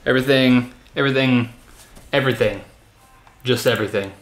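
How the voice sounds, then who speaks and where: A man with a mid-range voice talks briskly and casually to his viewers, explaining home music recording in a behind-the-scenes vlog. He's a home studio recording vlogger speaking from his own recording room, which sounds echoey.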